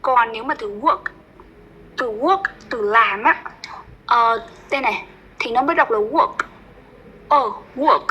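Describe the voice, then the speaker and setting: A woman tutoring English pronunciation one-on-one, patient and coaxing, modeling words slowly and repeating them. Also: on the high side, expressive, pushed and bright, breathy edge, muffled recording.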